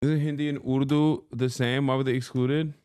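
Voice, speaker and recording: Mellow and smooth, this man's medium-pitched voice holds a level tone at a normal pace as he streams a casual reaction and bluntly ribs his viewers. He's from Turkey and speaks Turkish natively. The audio is studio quality, without echo.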